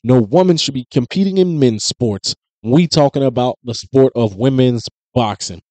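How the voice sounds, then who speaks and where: A man in his thirties hosts a casual sports talk show from a small home studio. He speaks close into a studio mic, his voice dry with no room sound and pitched at a middle level for a man. His talk is loose and conversational, with plenty of fillers and restarts. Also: animated, moderate pace, warm tone, no room sound. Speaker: host. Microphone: studio mic on boom close to mouth.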